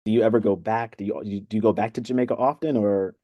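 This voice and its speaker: A man hosting an interview, relaxed and encouraging, his voice trailing off softly. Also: fairly low pitch, quick pace, dry recording, highs cut off. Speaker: host. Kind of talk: casual interview chat.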